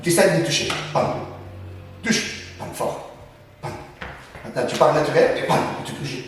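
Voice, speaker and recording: A man's voice: a little high, fairly quick, very echoey, long reverb tail, recorded from a distance, a little hiss or hum, poor audio. A man teaching self-defense moves, calling out instructions and punctuating each strike with sound words. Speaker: Krav Maga instructor. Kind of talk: demonstrating self-defense techniques.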